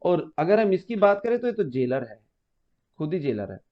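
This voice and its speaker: A man with a high voice, big pitch swings, and a moderate pace teaches a patient, step-by-step grammar lesson for exam prep. He keeps repeating key terms and addresses his students as "beta." The recording is muffled and lo-fi.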